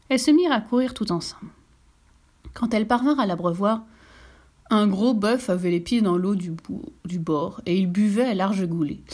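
A woman reading a children's story aloud in a gentle, expressive way, with soft whispered touches. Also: medium pitch.

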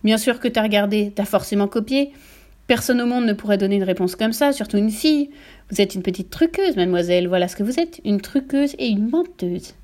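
A woman's voice: mid-range voice, quick pace, darkish tone, lightly acted. A woman voicing a smug, bullying middle-aged father in an audiobook, bragging and barking. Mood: shouting, angry. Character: boastful, bullying middle-aged father, used-car dealer.

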